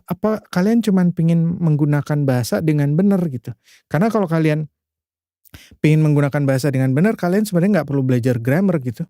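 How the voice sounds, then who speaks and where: A man from Indonesia tutoring English in a loose, chatty way, piling up filler tags and restarting sentences. His voice sits a bit high but sounds warm and mellow. The sound is close and dry. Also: dry recording. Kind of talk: casual screen-share language lesson.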